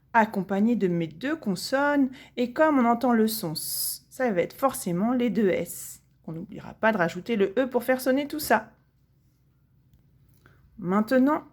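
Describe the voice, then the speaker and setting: French woman teaching phonics to small children, unhurried, stretches every sound. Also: medium pitch. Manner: slow, deliberate, drawing out each sound. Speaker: primary school teacher. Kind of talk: slow phonics lesson for young children.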